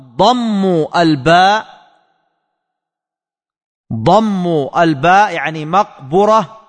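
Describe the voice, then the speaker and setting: A man giving a religious lesson, explaining words slowly and repeating key terms back as questions to his students. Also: high voice, fairly bright tone, in a large hall. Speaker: religious teacher.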